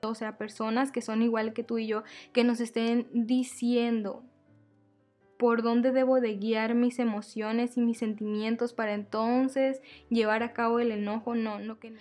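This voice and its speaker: A woman's voice: a little high, darkish tone. Earnest woman teaching to sisters. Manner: earnest, repeats key phrases, addresses listeners as sisters. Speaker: women's ministry teacher. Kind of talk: devotional teaching to women.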